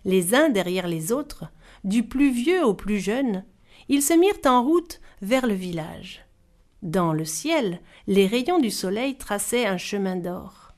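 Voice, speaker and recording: Expressive woman reading a storybook. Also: medium pitch, takes it slowly. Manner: expressive, varied voices for characters. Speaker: narrator.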